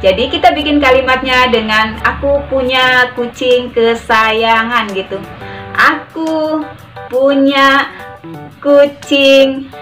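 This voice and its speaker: A woman teaching sign language in a chatty tutorial, often repeating single words slowly as she demonstrates. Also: high-pitched, steady tone, fairly bright tone, recorded from a distance, soft background music. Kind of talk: casual tutorial.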